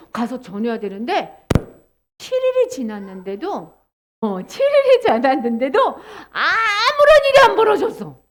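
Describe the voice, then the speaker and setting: A woman telling a children's sermon, animated, acting out voices and asking the children questions. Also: high-pitched.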